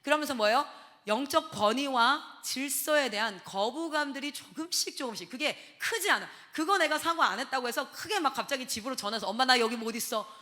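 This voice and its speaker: Woman missionary preaching, high bright voice, acts out the dialogue in her stories, long hall echo. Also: brisk. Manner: lively storytelling that acts out dialogue. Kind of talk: sermon.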